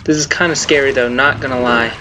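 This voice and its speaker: A man's voice: mid-range voice, fast, a little hiss or hum. A young man giving casual, jumpy gameplay commentary as host of his own video. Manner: jumpy, excitable, yelps when startled. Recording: game sound under the voice. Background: horror game ambience.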